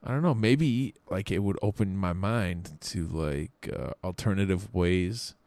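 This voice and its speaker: A man in his thirties with a very low, deep voice chats casually, wandering through his thoughts with wry, profane asides. He often restarts his sentences. The sound is dry and close, with no room in it. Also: a little slow, darkish tone, dry recording. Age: 30s. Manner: rambling, self-correcting, wry and profane. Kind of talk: casual chat.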